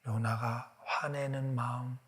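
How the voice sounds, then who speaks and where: A man's voice: mid-range voice, little pitch movement, slow pace, fairly bright tone. A male pastor preaching a sermon, asking his congregation questions and sometimes dropping to a whisper. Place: church.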